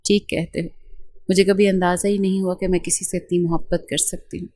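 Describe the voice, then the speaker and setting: Storybook young wife, gentle, innocent, soft and a bit tearful, woman reading it. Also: fairly low pitch, little pitch movement, close to an everyday voice.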